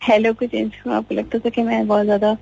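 Phone line पर ऊँची आवाज़ वाली महिला collar. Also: female voice, fairly high pitch, level tone, fast, vocal fry, mellow, slightly rough. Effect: heard over a phone line. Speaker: caller. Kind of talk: radio call-in, giving health tips.

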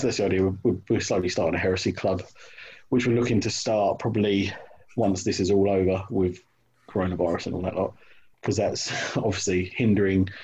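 Husky low-voiced man, casual chat. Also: darkish tone. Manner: hesitant, many ums and restarts. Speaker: hobby wargamer guest. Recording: dull lo-fi audio.

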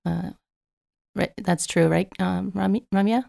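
Woman radio co-host, relaxed, hesitant, gravelly lowish voice, dry sound. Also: measured pace, no echo. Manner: relaxed, hesitant, many ums. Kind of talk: casual radio talk.

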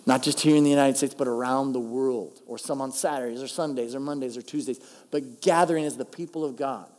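A male pastor preaching a conversational, emphatic sermon, slowing down to stress key phrases. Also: mid-range voice, fairly even intonation, a little mellow. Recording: long reverb of a large hall.

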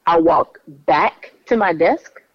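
A woman tells her personal testimony in an expressive way and repeats phrases for emphasis. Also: lowish voice, slow, no echo. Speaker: guest telling her testimony. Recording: dry, slightly dull audio.

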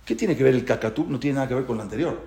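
A man's voice: mid-range voice, racing, gravelly, mellow. A man teaching a religious class who explains the prayers with many rhetorical questions. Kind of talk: Torah class. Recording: echoey room.

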